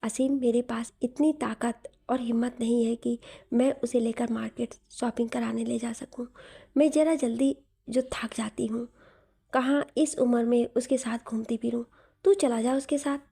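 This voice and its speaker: A woman voicing an older mother in a story, speaking in a relaxed, matter-of-fact way. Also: a little high, normal speed, creaky, slightly rough. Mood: offhand. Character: older mother, unbothered and doting. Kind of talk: storybook narration.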